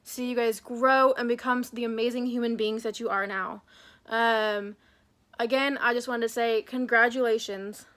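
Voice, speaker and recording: A woman's voice: fairly high pitch, steady tone, moderate pace, a bit bright. A woman teacher giving a chatty, cheerful recorded congratulations with small fillers. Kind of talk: recorded graduation message.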